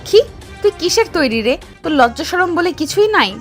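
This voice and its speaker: A woman playing a short-tempered, bossy young wife who can soften, in an acted audio love story with music behind. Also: extremely high pitch, sing-song, moderate pace. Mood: scolding.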